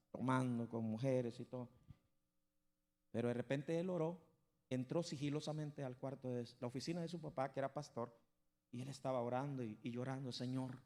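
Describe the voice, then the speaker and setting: A man's voice: mid-range voice, a little mellow. A man preaching a sermon as pastor, talking to his congregation in a conversational way with frequent asides. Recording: long hall reverb.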